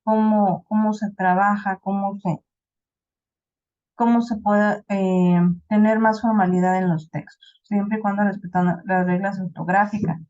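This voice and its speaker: A woman's voice: medium pitch, fairly even intonation, a little mellow. Woman, Mexican accent, teacher, patient class explanation, frequent check-ins, dull muffled recording. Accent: Mexican Spanish. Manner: explains slowly with many "¿no?" checks and restarts. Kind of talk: online class lecture.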